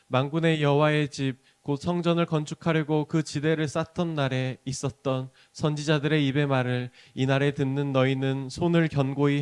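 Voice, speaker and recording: A man reads a passage of Scripture aloud during a morning devotional, in a steady, formal reading voice. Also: mid-range voice, smooth. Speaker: scripture reader.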